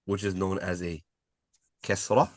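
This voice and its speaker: Speaking low and unhurried with little pitch movement, a man teaches beginners a language in a live online session. His tone is darkish and there's no room sound; he explains things step by step, repeats himself, and keeps checking in with "right?".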